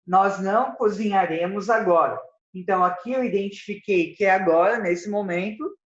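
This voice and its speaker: A man with a Brazilian Portuguese accent teaching an English grammar lesson, explaining step by step and reading English examples slowly. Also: high-pitched. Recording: roomy, slightly dull sound.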